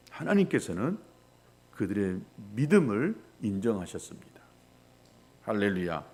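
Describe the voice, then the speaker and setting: Korean pastor preaching with lively pitch. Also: male voice. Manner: preaching with dramatic rises and drops in pitch and volume. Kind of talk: sermon.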